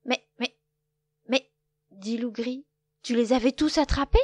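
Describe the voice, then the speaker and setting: A woman voicing a loud gruff grey wolf. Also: a little high, a little slow, voice pushed up. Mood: shouting. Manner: bursting in, shouting. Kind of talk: children's storybook reading.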